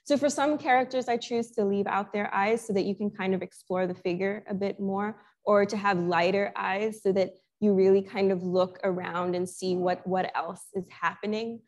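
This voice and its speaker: A woman's voice: medium pitch, fairly even intonation, moderate pace, few pauses, a little mellow. A young woman artist who grew up in Sri Lanka, answering questions in a conversational talk, reflective and full of small restarts. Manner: reflective, thoughtful, many restarts and fillers. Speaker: guest artist.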